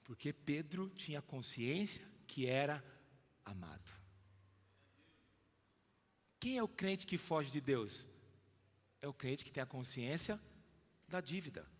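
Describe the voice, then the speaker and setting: A man preaching a sermon emphatically in a church, calling on listeners by name and swinging from loud to hushed. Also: fairly high pitch, very animated, takes it slowly, pauses often, big-room sound. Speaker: pastor.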